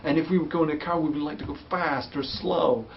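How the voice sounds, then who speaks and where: Man coaching parents in a webinar, gentle and patient, slightly muffled audio, faint hiss. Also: a little high, a little fast, creaky. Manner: gentle, patient, explains with hands-on demonstrations. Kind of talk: webinar teaching and answering parent questions.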